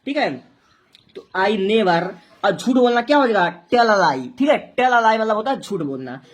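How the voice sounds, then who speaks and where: A woman's voice: a little high, expressive, measured pace. A woman teaching a translation lesson, explaining each step, asking and answering her own questions, and spelling out words letter by letter. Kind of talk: Hindi-to-English translation lesson.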